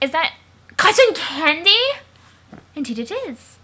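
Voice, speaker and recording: A woman reading as a slangy, excitable teenage girl hacker who talks crudely and gushes. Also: high-pitched, measured pace, voice pushed up, heavily acted. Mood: gushing. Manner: crude, gushing, slang-heavy. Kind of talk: webcomic reading aloud.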